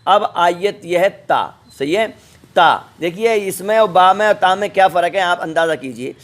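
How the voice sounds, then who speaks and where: A middle-aged man teaching the Quran's alphabet in a recorded lesson, patient and repetitive, sounding letters out slowly. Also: high-pitched, fairly bright tone.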